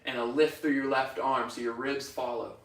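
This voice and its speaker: A male yoga teacher leading a class through poses with calm, breath-paced cues. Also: medium pitch, normal speed, creaky. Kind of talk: guided yoga class instruction. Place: yoga studio. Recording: roomy studio echo from far off.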